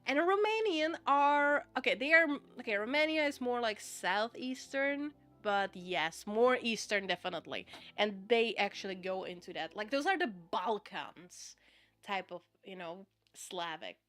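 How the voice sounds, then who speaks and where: Speaking in a medium-pitched, animated, slightly bright voice without hurrying, a Czech VTuber with a Czech accent chats casually on her livestream. The native Czech speaker answers viewer chat, laughs frequently and drives points home with repeated "okay?"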